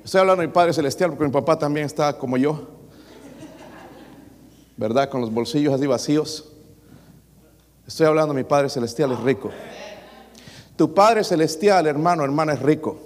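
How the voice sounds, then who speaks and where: A man's voice: fairly high pitch, normal speed, pauses often, long reverb tail. A man preaching a sermon as pastor, asking the congregation rhetorical questions.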